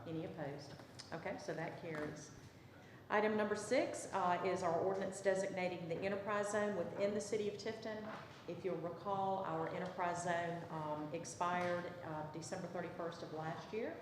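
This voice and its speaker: A woman mayor with a Southern US accent, calmly chairing a city council meeting and calling votes. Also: lowish voice, moderate pace. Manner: procedural, calm, calls votes. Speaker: mayor presiding over council. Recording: echoey council chamber, faint noise.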